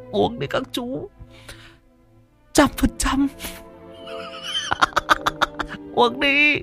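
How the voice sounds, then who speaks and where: A man voicing a flustered, lecherous lame man who stammers and pleads in a squeaky voice. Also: extremely slow, creaky, bright, forceful tone, soft background music, full character voice. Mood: drunk jovial.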